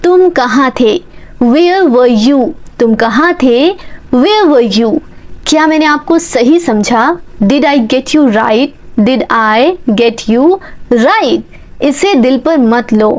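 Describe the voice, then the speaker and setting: A woman with an Indian accent leads a practice lesson in a high voice. She reads at a very slow, careful pace and splits each sentence into pieces. Her pitch rises on the final word of each line. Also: expressive. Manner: reads each English sentence slowly and splits it into parts, rising on the last word; quick chatty asides to viewers. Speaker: English teacher.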